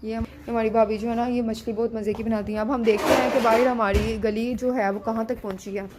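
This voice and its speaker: Brisk and level in tone, a fairly high female voice comes through a very noisy recording. She's a mother in her thirties with a Pakistani Urdu accent, chatting in a home vlog set at home and in a restaurant while she scolds and coaxes her children.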